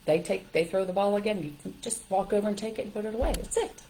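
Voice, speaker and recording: An older woman giving parenting advice in a direct, lively way, often checking in with "okay?" and "right?". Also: medium pitch, fast, slight background noise, rough recording. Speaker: parenting coach.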